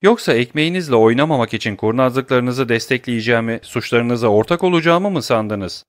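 A man's voice: mid-range voice, animated, a little fast, no echo, clean studio sound, close to an everyday voice. A man voicing a stern, commanding nobleman disguised as a priest, reading an audiobook. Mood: probing. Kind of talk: audiobook character voice.

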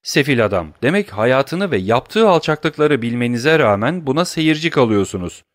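A man's voice: mid-range voice, big pitch swings, moderate pace, dry recording, clean studio sound, voice pushed up, lightly acted. A man voicing a stern, commanding nobleman disguised as a priest, reading an audiobook. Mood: probing. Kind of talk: audiobook character voice.

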